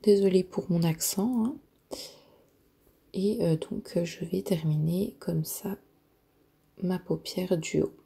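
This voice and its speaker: A woman narrating a makeup tutorial, hesitant and full of filler pauses, often dropping to a near-whisper while she works. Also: lowish voice, vocal fry, mellow, breathy edge. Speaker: beauty vlogger.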